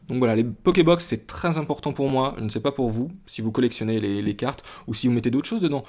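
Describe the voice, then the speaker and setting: Opening a box of trading cards, a young man from France talks casually to his viewers, rambling and often restarting or using fillers. He speaks fast in a medium-pitched, slightly mellow voice.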